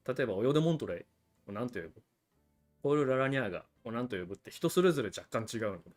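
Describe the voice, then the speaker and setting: Racing along in an animated, medium-pitched voice, a cigar channel host explains things casually on a livestream, frequently turning aside to address viewers. Soft music plays in the background.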